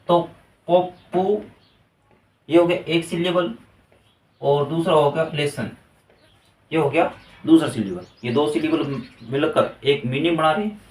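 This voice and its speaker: A man with a fairly high voice teaches a grammar lesson in a classroom. He explains step by step and keeps checking in with his students. He is recorded from a distance, so his voice sounds roomy and echoey. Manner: explains step by step, repeats "ठीक है". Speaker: English teacher. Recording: echoey room, voice from far off.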